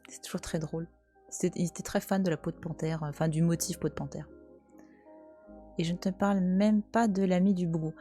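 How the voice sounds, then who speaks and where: A woman's voice: fairly low pitch, fairly even intonation, fairly quick, warm tone, soft background music. A French woman in her thirties, chatting casually and teasingly on a live stream from home, talking back to her chat. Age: 30s. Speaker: Twitch streamer. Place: at home, cat nearby.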